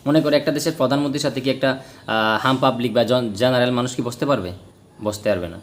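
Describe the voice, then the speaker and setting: A man's voice: mid-range voice, very fast. Man teaching a grammar lesson. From Bangladesh. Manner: explains step by step, asks and answers own questions. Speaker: English teacher.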